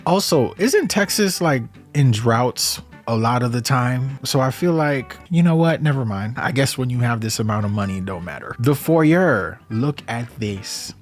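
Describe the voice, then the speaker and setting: A man talking casually as he hosts his own video, dry and sarcastic, with a middle-pitched voice. Quiet guitar music plays faintly under his chat. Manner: joking, sarcastic. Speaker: YouTuber reviewing a house.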